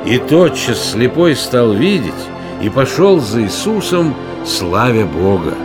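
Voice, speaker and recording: Expressive male storyteller over music. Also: mid-range voice, takes it slowly. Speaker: narrator. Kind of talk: scripted narration of a children's Bible story.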